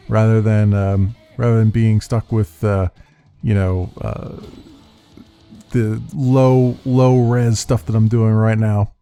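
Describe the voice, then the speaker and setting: Over soft background music, a man with a deep, clean-toned voice hosts his YouTube gaming channel, rambling through a casual update. He's halting, full of ums, uhs and restarts, and he's recorded on a USB desktop condenser mic.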